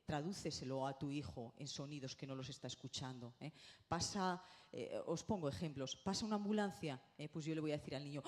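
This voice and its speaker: A middle-aged woman giving a lively conference lecture as a speech therapist, often tagging her points with a quick question. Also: low-pitched. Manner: animated, lively, checks in with tag questions. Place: conference hall.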